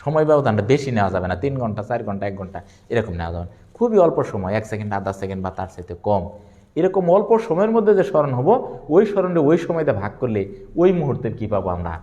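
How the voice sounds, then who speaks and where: A man, lecturing on physics, who asks questions and answers them himself and repeats key terms slowly. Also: on the low side, very animated, dark tone, long reverb tail. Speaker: physics teacher. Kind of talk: classroom lecture.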